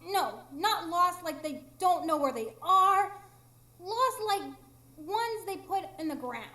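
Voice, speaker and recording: Performing the same tiny, mischievous fairy in a live stage radio drama, a woman uses a full character voice that is very high, animated, slow, bright and forceful. The delivery is childlike and teasing yet blunt and matter-of-fact, with echo from the room.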